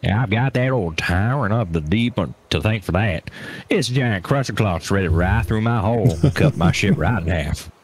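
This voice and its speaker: A man's voice: fairly low pitch, expressive, moderate pace, natural voice. A man voicing a boastful male sea trader with a Texan drawl, telling a wordy tall tale over a game.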